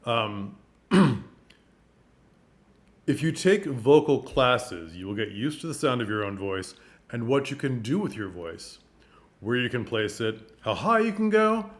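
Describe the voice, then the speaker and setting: A man talks straight to camera in a casual vlog, speaking into a microphone. His delivery is emphatic and expressive, and he leans hard on key words. His pitch sits in an ordinary middle range for a man. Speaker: vlogger and performing arts commentator.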